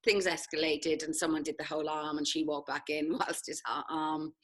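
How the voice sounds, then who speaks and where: In a low, level voice at a moderate pace, a woman from South Wales chats about her school years as an interview guest. She works as a head of sixth form and is quick to laugh and mock herself.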